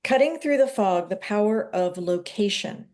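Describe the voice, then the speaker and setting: Woman, book club host, casual, explaining, acts out little examples, mid pitch. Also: expressive, normal speed, a little mellow. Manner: explains with acted examples from her marriage. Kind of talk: casual group discussion.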